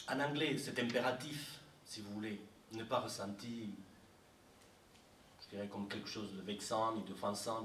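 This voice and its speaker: Animated male lecturer in an echoey room. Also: mid-range voice, a little hiss or hum. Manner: animated, repeats himself, many fillers. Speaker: translation lecturer. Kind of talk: university lecture. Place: university library lecture room. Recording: echoey room, mic from far off.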